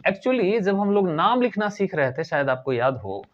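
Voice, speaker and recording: A man's voice: high-pitched, very animated, normal speed. A man teaching English grammar in a recorded lesson, explaining patiently and repeating key points. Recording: dull lo-fi recording.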